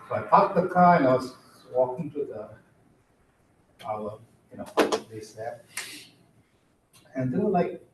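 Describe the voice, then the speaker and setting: A man's voice: medium pitch, a little hiss or hum. A man from Malaysia introduces himself to a public board in an easy, chatty way, with touches of self-deprecating humor. His voice carries a heavy echo, and the mic sits well away from him. Faint room ambience hangs underneath. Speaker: county medical director of behavioral health. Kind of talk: informal introductory remarks at a public board meeting. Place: county board meeting room. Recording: echoey meeting room, mic at a distance.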